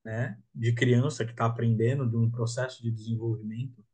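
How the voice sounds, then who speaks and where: A man with a husky, slightly breathy voice, speaking as a podcast guest. He thinks out loud in a relaxed, reflective way and keeps checking in with his listener. His pitch sits in an ordinary middle range. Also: moderate pace. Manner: reflective, tags thoughts with 'né?'. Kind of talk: casual podcast conversation.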